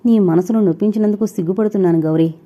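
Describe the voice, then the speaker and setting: Moody young guy in an audio novel, woman reading him, dark mellow tone, barely acted. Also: mid-range voice, quick pace, natural voice. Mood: tender. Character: troubled young man, gruff then tender.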